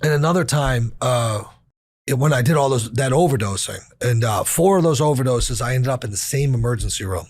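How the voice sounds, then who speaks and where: A man's voice: mid-range voice, lively intonation, fairly quick, darkish tone, no room sound, studio quality. A man talking as a podcast guest, telling a personal story in a blunt, profane, casual way with lots of fillers.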